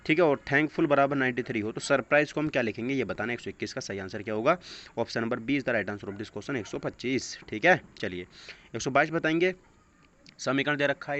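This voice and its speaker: Through dull, lo-fi audio with clearly audible background noise, a male exam coaching teacher leads a test-prep lesson. His mid-range voice has a fairly bright tone as he instructively reads out questions and answers, mixing in English phrases.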